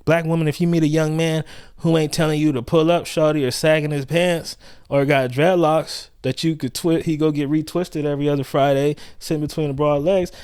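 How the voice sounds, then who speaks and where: A man from South Central Los Angeles, co-hosting a podcast in loose, slangy casual chat, acting out quotes in high put-on voices. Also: little pitch movement, fairly quick, darkish tone, smooth, no echo, clean studio sound. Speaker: podcast co-host.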